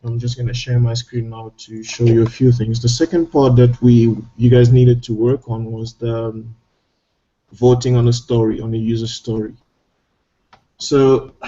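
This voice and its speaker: A man from Cameroon hosts a casual online scrum. His voice is dark and mellow, and his talk is relaxed and halting, full of fillers and restarts. The video-call audio sounds dull and muffled. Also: medium pitch. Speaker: scrum host.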